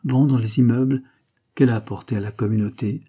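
A man's voice: medium pitch, fairly even intonation, a little fast, mellow, breathy edge, close to an everyday voice. A man reading an audiobook, voicing a scornful, domineering creole woman who talks in a cold, mocking tone. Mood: commanding. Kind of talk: audiobook character voice.

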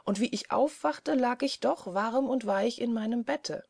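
A woman voicing a lively, sceptical young woman who talks in a brisk, mocking way. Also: on the high side, vocal fry, breathy edge, dry recording, voice pushed up, exaggerated voice.

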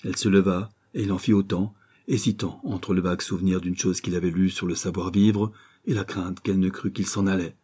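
A man narrating a classic novel as an audiobook in a measured, steady reading. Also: sits low, breathy edge. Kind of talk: scripted narration.

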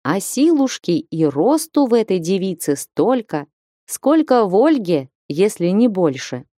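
A woman narrating a fantasy novel as an audiobook in steady storytelling. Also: mid-range voice, measured pace, no room sound, clean studio sound.

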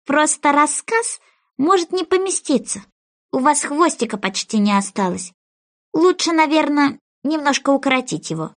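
A woman's voice: sits high, animated, normal speed, voice pushed up. Woman reading as a polite little storybook girl. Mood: pleading. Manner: polite, earnest.

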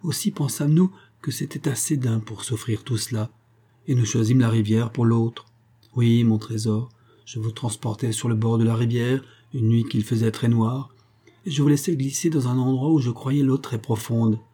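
A man's voice: medium pitch, level tone, normal speed, dark tone, natural voice. A man reading a storybook aloud, voicing a cunning, spiteful old grandmother who coaxes and wheedles. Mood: wheedling. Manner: wheedling, calls everyone dear.

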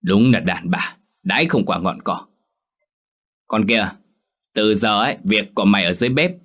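Một người đàn ông lồng giọng lão địa chủ già tham lam, nói cộc cằn, ra lệnh. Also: male voice, on the low side, normal speed, fairly bright tone. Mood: gruff. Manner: gruff, commanding. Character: stern, greedy old male landlord.

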